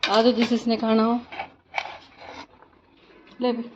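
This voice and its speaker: A woman's voice: a little high, completely flat delivery, slow pace. A woman, chatting to viewers directly in a casual family vlog. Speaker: vlogger. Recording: slightly dull phone audio with faint noise.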